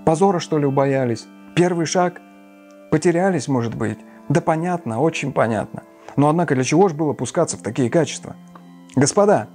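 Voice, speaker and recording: Man voicing a smug, long-winded gentleman in an audiobook, fussy, pompous, with filler hesitations. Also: fairly high pitch, fairly quick, faint music behind, pitched above the performer's own voice, lightly acted. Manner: wordy, pompous, hesitant mumbling. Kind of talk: audiobook character reading.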